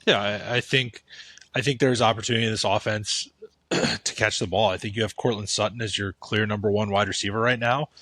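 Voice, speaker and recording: Man, low bright voice, dry close mic, casual sports chat, thoughtful. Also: steady tone, brisk, no room sound. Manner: thoughtful, repeats "I think" and restarts. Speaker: podcast co-host. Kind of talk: casual fantasy football chat.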